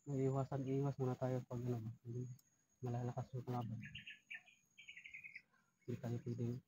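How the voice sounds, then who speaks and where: A man chatting quickly with friends on a mountain and talking to viewers. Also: mid-range voice, flat delivery, background noise. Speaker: vlogger on a jungle outing. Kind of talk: casual chat among friends. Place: outdoors on a mountain.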